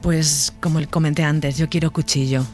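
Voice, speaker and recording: A woman hosting a radio interview, speaking in a gently coaxing, admiring way to her guest. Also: low voice, fairly even intonation, moderate pace, faint music behind. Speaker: radio host.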